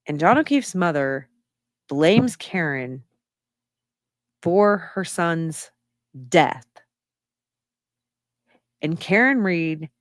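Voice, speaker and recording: Slow, low-voiced woman commentator. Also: no room sound, clean studio sound. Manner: opinionated, reasons aloud step by step. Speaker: true-crime commentator. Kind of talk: casual spoken commentary.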